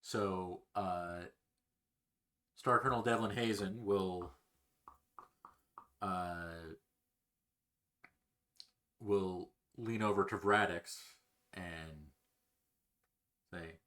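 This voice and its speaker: A man with a low voice runs a tabletop game, speaking slowly and haltingly. He fills his pauses with plenty of hesitations. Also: fairly even intonation, sharp tone. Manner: slow, halting, many fillers. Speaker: game master. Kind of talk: narrating a tabletop game over a call.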